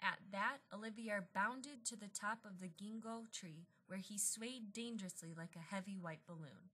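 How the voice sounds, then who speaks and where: A woman reading a picture book aloud in an expressive, lively storytelling manner. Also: mid-range voice, normal speed, slightly rough. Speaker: storybook reader.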